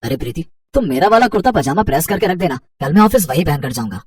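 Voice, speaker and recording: A voice actor playing a brisk, bossy grown man in a cartoon story. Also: medium pitch, sing-song, husky, no echo, studio quality, distant mic. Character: gruff grown man, guard and husband.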